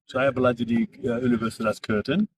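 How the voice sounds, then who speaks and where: A middle-aged man, an English speaker, speaks Indonesian as a foreigner in a casual interview, halting as he searches for words. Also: medium pitch, slight background noise. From Australia. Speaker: interview guest, former diplomat and interpreter. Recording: distant mic amid clear crowd chatter.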